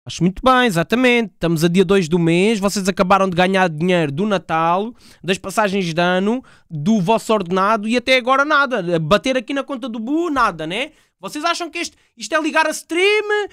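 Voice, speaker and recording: A young man from Portugal with a European Portuguese accent, streaming and reacting to clips in loud, excitable, swearing casual chat. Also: high voice, fairly quick, clean tone, dry recording, clean studio sound.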